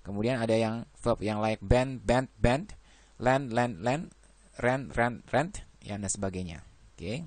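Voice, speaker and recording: A man's voice: mid-range voice, slow pace, a little mellow, no echo. A man teaching an English grammar lesson, working through verb lists and adding "ya" after nearly every phrase.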